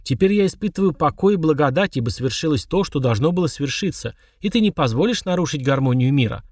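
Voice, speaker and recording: A man's voice: a little high, expressive, a little mellow, no echo, studio quality. Tekui, a man voicing a solemn old dwarf elder. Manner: solemn, unhurried, proverb-like speech. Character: wise gentle old male dwarf elder.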